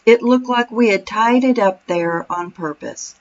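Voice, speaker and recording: A woman tells a scripted story as voice-over narration in an even, storytelling manner. Her pitch sits in the middle of the range. The recording sounds a little dull and lo-fi. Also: a little slow. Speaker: vlog narrator.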